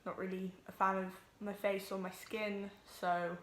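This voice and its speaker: A teenage girl, introducing her vlog at home, nervous and quick, with lots of ums. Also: mid-range voice, level tone, roomy sound, slight background noise. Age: teens. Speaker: vlogger. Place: home room with pets.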